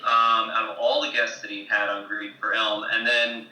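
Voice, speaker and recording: A male podcast host with a very bright, sharp voice and a roomy, echoey sound. He asks questions in a casual, halting way, full of fillers. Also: fairly low pitch, little pitch movement. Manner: hesitant, many fillers and restarts. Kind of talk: casual interview hosting.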